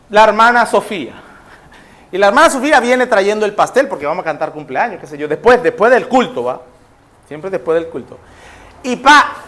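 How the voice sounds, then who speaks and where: A man's voice: high-pitched, fairly bright tone. A male pastor with a Nicaraguan accent preaching conversationally, acting out little scenes. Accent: Nicaraguan Spanish. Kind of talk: sermon.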